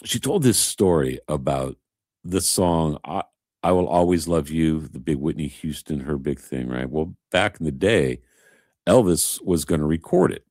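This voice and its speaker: A man's voice: very deep voice, animated, measured pace, a little mellow, no echo, clean studio sound. A man chatting casually as a host, an emphatic, rambling storyteller. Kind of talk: casual chat.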